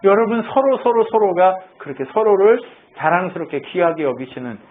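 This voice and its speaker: A male pastor preaching a lively, conversational sermon and firing questions at his congregation. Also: sits high, brisk. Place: church sanctuary. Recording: tinny phone-like church recording with faint noise.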